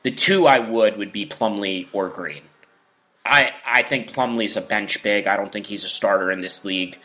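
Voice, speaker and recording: Opinionated teasing man, bright voice. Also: fairly low pitch, normal speed. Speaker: podcast co-host. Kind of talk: casual podcast chat.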